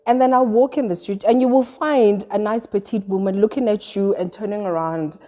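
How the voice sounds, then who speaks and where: A South African woman with a warm, mellow tone and an ordinary pitch. She talks earnestly and reflectively in a relaxed group conversation. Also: fairly quick. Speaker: guest. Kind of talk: casual group chat.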